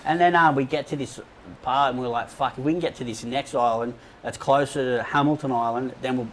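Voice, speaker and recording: A man's voice: medium pitch, fairly even intonation, brisk, fairly bright tone, slight background noise, poor audio. A young man with an Australian accent, telling a rambling story in casual chat, swearing a lot and leaning on fillers. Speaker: guest.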